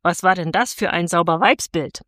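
A woman's voice: fairly low pitch, moderate pace, a bit bright, no echo, clean studio sound, natural voice. A woman voicing a cheerful young male farmer in a storybook, hearty and plain-spoken.

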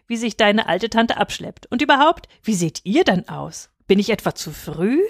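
A woman's voice: mid-range voice, sing-song, normal speed, dry recording, studio quality. A woman voicing a fussy, bossy old aunt with a bleating, nagging voice, in a story read aloud.

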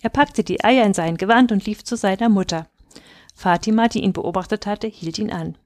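Woman telling a bedtime story, gentle and measured, dry close sound. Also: mid-range voice, dry recording.

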